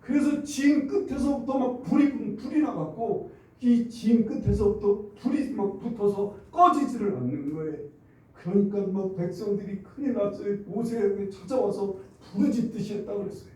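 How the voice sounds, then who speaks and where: A man's voice: high-pitched, normal speed, warm tone. A male pastor preaching a sermon, retelling a Bible story and acting out the grumbling crowd in quoted voices. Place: church sanctuary. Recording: very echoey church hall, mic at a distance.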